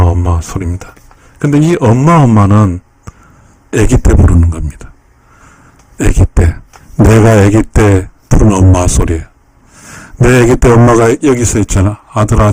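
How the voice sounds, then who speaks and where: On a YouTube channel, a man with a lowish, mellow voice gives a lecture-style analysis of song lyrics, emotional and repeating phrases again and again. He speaks politely to his viewers, and the recording is dry.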